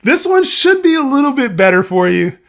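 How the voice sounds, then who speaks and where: High-pitched man, livestream co-host, casual banter, teasing laugh. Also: sing-song, fairly quick, creaky, a bit bright.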